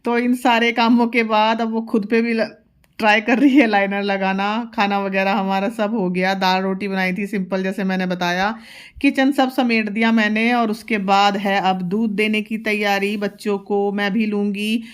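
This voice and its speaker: A woman in her thirties narrates her home vlog in a relaxed, chatty way. She explains each small task to her viewers in plain, homely words. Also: mid-range voice, normal speed, smooth. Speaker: vlogger, mother.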